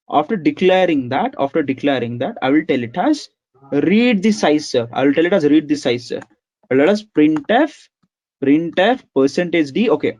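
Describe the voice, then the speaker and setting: A man with a slightly raised pitch walks viewers through code as he types, repeating phrases and calling out to them as "guys". His voice sounds dry and close, with no room around it. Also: darkish tone, no echo. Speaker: programming instructor. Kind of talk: screen-recorded coding tutorial.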